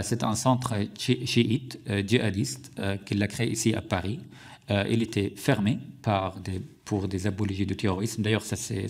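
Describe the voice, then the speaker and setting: In a parliamentary committee room, a Syrian man whose first language is Arabic gives formal testimony as a witness. His low, gravelly voice is halting and hesitant, full of fillers and restarts.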